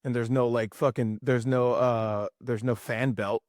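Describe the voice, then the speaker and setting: A man's voice: mid-range voice, a little slow, no room sound, studio quality. A young man, a former military mechanic, telling stories in casual podcast chat, swearing freely. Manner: profane, animated storytelling.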